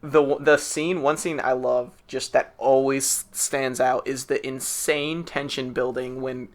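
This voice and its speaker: This podcast co-host has a mid-range voice and a steady tone, and he speaks a little slowly. He keeps the conversation casual and enthusiastic, with lots of fillers.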